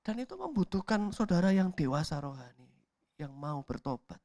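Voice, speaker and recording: Pastor preaching, acts out little voices, goes from shouting to whispering. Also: male voice, high voice, big pitch swings, moderate pace, no room sound, clean studio sound. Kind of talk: sermon. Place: church hall.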